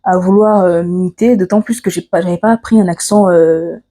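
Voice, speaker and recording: A woman with an African French accent telling a personal story to camera, earnest and confiding, pausing often on fillers and restarts. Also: on the low side, fairly even intonation, dark tone. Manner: hesitant, frequent "euh" fillers and restarts. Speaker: vlogger.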